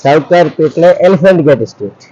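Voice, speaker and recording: A man with an Indian accent giving an enthusiastic, repetitive shop sales pitch, urging viewers on and tossing out rhetorical questions. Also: lively intonation, normal speed, dark tone, muffled recording. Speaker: saree shop owner and sales presenter.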